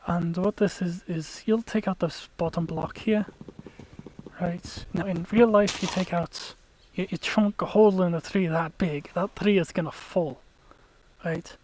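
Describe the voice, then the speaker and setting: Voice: medium pitch, steady tone, measured pace, darkish tone, slight background noise, poor audio. A let's play gamer giving casual, chatty gameplay commentary, explaining tactics to viewers and sometimes dropping to a whisper.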